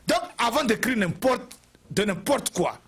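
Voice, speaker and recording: Man, exhorting TV commentary, husky, swooping pitch. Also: animated, unhurried, fairly bright tone. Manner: exhorting, preacherly, repeats phrases for emphasis. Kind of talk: impassioned televised address.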